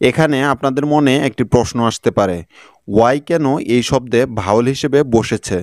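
A man with a Bangladeshi Bengali accent teaching English spelling in scripted lesson narration, spelling out letters and then sounding words out slowly. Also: mid-range voice, a little mellow, no echo, studio quality.

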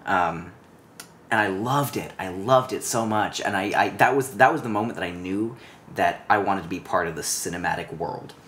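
A young man in his twenties, a cinematographer and actor appearing as a podcast guest, speaks into a stand-mounted studio mic from a living room couch. His low voice moves at normal speed over a faint hiss or hum as he rambles animatedly through childhood stories, full of restarts and fillers.

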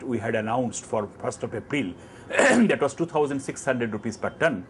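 A man in his fifties with an Indian English accent, a company chairman on a lapel mic in an office, explaining prices in a measured, detailed way with numbers and restarts. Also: mid-range voice, a little hiss or hum. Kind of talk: explanatory business interview. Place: office with armchair, indoors.

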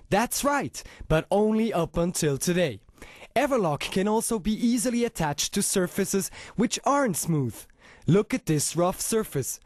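High-pitched male hard-sell infomercial announcer. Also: darkish tone, no echo, clean studio sound. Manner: emphatic sales pitch with rhetorical questions.

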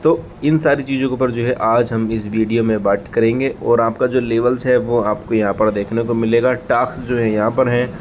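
With a darkish, mid-range voice, a tech tutorial host casually guides viewers step by step through a mobile app in a screen recording. He leans on repeated fillers like "okay," "here," and frequently "ठीक है". The lo-fi audio is slightly dull, with faint noise.

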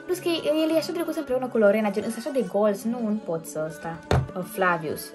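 A woman's voice: on the high side, darkish tone. A young woman, chatting casually and hesitantly as the host of her own vlog. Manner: chatty and hesitant, many fillers and self-corrections. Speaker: YouTuber host. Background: background music.

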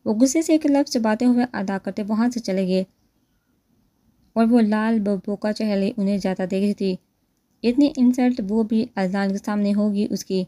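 A woman narrator reading a romantic novel aloud in a plain, even storytelling voice. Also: medium pitch, no echo. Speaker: audiobook narrator.

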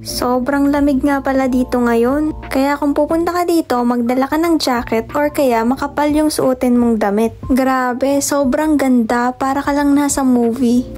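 High-voiced chatty woman vlogger. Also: normal speed, soft background music. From Philippines. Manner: chatty, excited, mixing English into Tagalog. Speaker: travel vlogger. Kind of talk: voice-over travel vlog narration.

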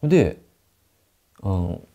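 A man's voice: deep voice, sing-song, very slow, vocal fry, dark tone. A man telling a ghost story and acting out the quoted dialogue.

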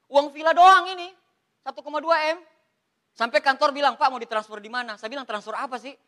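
This Indonesian man delivers a motivational talk to a seminar crowd at a fairly quick clip, his high voice bright and forceful. Joking and animated, he keeps addressing the room again and again, using "Pak" for his listeners.

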